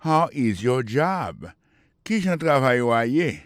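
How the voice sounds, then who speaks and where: A man's voice: mid-range voice, very animated, no room sound. Man teaching English on radio, dry sound. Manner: explains words slowly, repeating and spelling them out.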